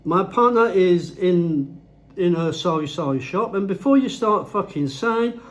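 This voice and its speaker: A man's voice: high-pitched, lively intonation, measured pace. A man ranting in his own vlog, blunt and heavily profane, talking at home. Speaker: vlogger.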